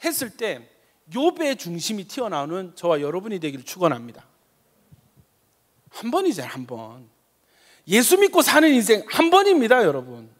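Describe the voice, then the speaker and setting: A male pastor preaching a sermon with passion, swinging from loud emphatic peaks to soft quiet asides. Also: high-pitched, wildly swooping pitch, normal speed, pauses often. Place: church sanctuary. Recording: long reverb of a church sanctuary.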